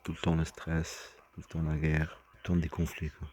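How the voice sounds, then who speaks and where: A man's voice: very deep voice, monotone, normal speed, warm tone, slight background noise. A man talking in a rambling personal monologue, agitated and often stumbling over and repeating his words. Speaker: vlogger.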